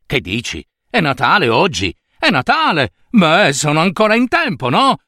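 A man voicing an elderly miser, giddy with joy and remorse, stammering and excitable. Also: medium pitch, normal speed, dry recording, clean studio sound. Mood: eager. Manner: excitable, stammering, shouting then weeping.

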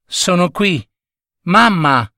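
A man voicing a lonely invisible schoolboy who calls out and pleads in a high, tearful voice. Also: wildly swooping pitch, takes it slowly, a bit bright, no room sound, studio quality, heavily acted. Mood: eager calling. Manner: high, crying pleas.

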